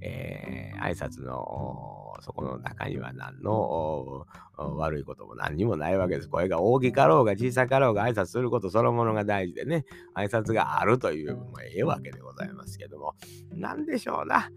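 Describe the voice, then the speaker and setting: Deep gravelly Kansai man musing over music. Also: very animated. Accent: Kansai Japanese. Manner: folksy, mixes formal endings with dialect, frequent drawn-out fillers. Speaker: podcast host. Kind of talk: rambling solo podcast monologue.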